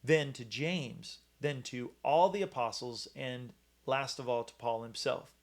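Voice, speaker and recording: Halting man giving a Bible talk. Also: medium pitch. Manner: halting, many fillers and restarts. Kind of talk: casual Bible teaching talk.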